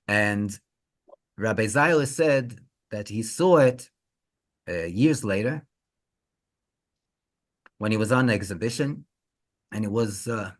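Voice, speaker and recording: A male rabbi telling a story in an animated, halting way, often repeating words. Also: lowish voice. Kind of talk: storytelling talk.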